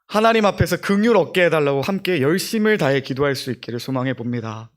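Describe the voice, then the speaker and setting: Animated young male preacher. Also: sits high. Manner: expressive preaching, acts out prayers and quotes. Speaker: junior pastor. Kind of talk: sermon.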